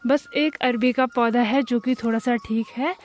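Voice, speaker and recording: A woman's voice: a little high, steady tone, normal speed. A young woman, vlogging casually outdoors in a hillside farm field and chatting to her viewers as friends. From Uttarakhand hills, India. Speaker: village lifestyle vlogger. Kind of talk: casual explanatory vlog chat.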